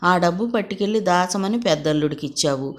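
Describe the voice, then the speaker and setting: A woman's voice: fairly low pitch, expressive, brisk, natural voice. A woman voicing a stern, grieving old mother. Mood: scolding. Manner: scolding, lamenting. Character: aging village mother, stern yet grieving.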